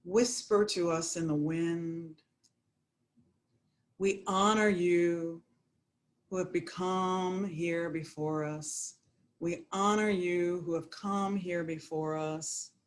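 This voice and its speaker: A woman guiding a yoga nidra meditation, speaking in a slow, soothing, prayerful way. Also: fairly low pitch, fairly even intonation. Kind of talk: guided meditation.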